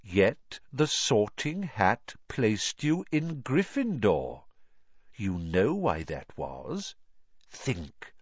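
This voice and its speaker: A calm, kindly old wizard headmaster, voiced by a man, unhurried and gentle, dropping to a soft murmur at times. His pitch moves a lot within phrases, and the sound is dry and dull. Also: dry recording, full character voice.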